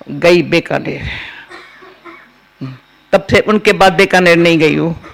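An older woman giving a spiritual discourse, telling personal stories in a slow, homely way. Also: on the low side, vocal fry. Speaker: spiritual teacher.

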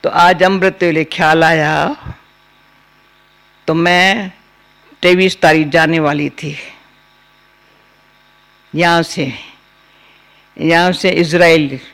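Slow, gravelly older woman. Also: on the low side. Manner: slow, homely storytelling. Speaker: spiritual teacher. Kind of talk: spiritual discourse with personal anecdotes.

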